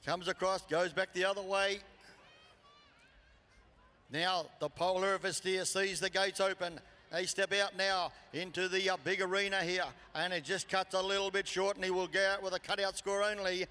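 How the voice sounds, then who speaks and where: Australian male arena sports announcer, higher-pitched voice, live commentary with long PA reverb. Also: little pitch movement, moderate pace, sharp tone. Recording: PA echoing through large arena.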